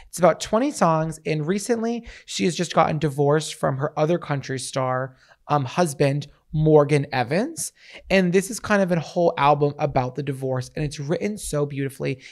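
A raspy, fairly high-pitched man in his thirties speaks into a handheld microphone in a small home studio. Chatty and enthusiastic, he gushes at length about a favorite record, like a co-host running a casual podcast segment.

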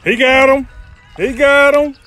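High-voiced fishing buddy on a riverbank. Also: male voice, steady tone, a little slow, pushed and bright, soft background music. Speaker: fishing companion. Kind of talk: casual outdoor banter. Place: grassy riverbank outdoors.

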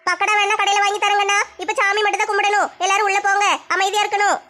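A woman's voice: very high-pitched, flat delivery, rapid-fire, bright, forceful tone, slight background noise. A woman performing a comedy skit, teasing and scolding in village banter.

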